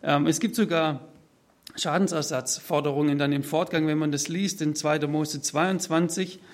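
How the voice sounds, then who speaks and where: This southern German preacher from Swabia has a slightly high voice with fairly even intonation and a moderate pace. Speaking freely from notes, he walks his congregation through his sermon step by step and talks to them directly.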